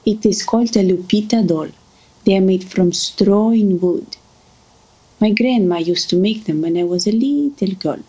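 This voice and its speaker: An actress playing a warm, motherly older woman who speaks gently and affectionately. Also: mid-range voice, normal speed, slightly rough, highs cut off, close to an everyday voice. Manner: gentle, affectionate, calls others darling. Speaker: family friend. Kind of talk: drama acting.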